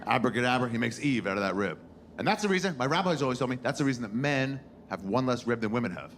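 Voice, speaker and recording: Male stand-up in his 40s, crude and wry, animated pitch. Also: fast talker, a little hiss or hum. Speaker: comedian. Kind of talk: stand-up comedy. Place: stage before a live audience.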